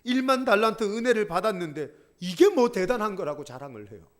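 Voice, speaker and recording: Animated high-voiced male pastor. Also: fairly quick. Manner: animated storytelling, addressing the congregation. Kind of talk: sermon.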